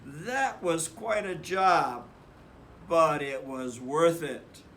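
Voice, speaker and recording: A man voicing an excitable young boy bear cub from a storybook, loud and emphatic. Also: a little high, drawn-out words, slight background noise. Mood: relieved.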